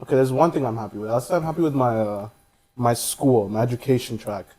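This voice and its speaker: A man's voice: mid-range voice, quick pace, darkish tone, rough recording. A young man as a podcast guest, rambling along and filling his talk with "you know". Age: young adult. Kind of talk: casual chat.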